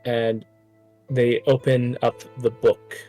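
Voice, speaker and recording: A man narrating a tabletop game as game master, animated and casual, swearing freely. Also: mid-range voice, slow, soft background music.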